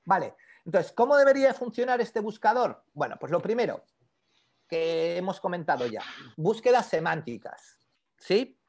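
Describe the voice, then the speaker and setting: A man teaching an online class on e-commerce, conversational and animated, constantly checking in with his students. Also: high voice, normal speed. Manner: conversational, peppers speech with "¿vale?"; animated, lively explanations with asides to students. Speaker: e-commerce instructor.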